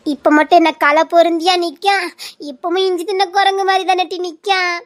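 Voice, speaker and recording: A woman's voice: very high voice, steady tone, brisk. A woman voicing a fretful young village girl in a half-saree, muttering frantic asides and mocking. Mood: mocking rant.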